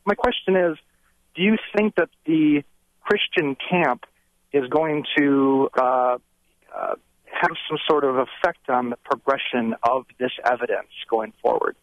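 A male caller speaks over a muffled phone line into a radio show. His voice is at mid pitch, and he stops and starts with fillers as he builds his question. The sound is dry and dull. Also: a little slow, no echo. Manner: hesitant, with fillers while forming his question. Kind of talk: call-in question. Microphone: telephone.

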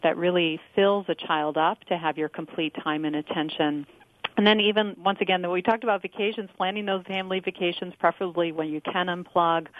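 A woman from Chicago, a guest expert on a radio show, giving advice in a calm, measured way with soft fillers. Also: fairly low pitch, no room sound. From Chicago, USA. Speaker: guest expert, medical school faculty. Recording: tinny phone line, dry.

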